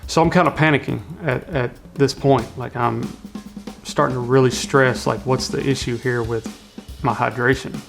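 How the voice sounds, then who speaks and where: A man telling, in a documentary interview, how he struggled through an ultramarathon, earnest and halting with many restarts. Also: mid-range voice, steady tone, creaky, soft background music. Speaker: ultramarathon runner telling his story.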